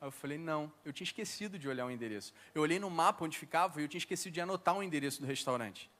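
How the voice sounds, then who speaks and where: A man's voice: on the high side, lively intonation, very fast, fairly bright tone. A man preaching in a casual storytelling way, mocking himself as he recounts an anecdote. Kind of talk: storytelling sermon.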